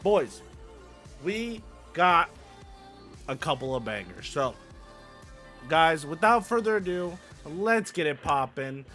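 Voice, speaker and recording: A young man riffs through casual gaming commentary in a high voice that swings widely in pitch. He is hyped and playful, leans on slang and keeps repeating catchphrases. Soft music plays under him. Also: very animated, slow, long pauses. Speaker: gaming YouTuber host.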